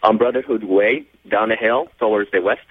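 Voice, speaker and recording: A man with a slightly low voice speaks over a narrow, tinny phone line. He is a radio caller, answering questions in short, halting phrases. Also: breathy edge, no echo. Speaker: radio show caller seeking legal advice. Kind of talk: answering questions on a call-in show.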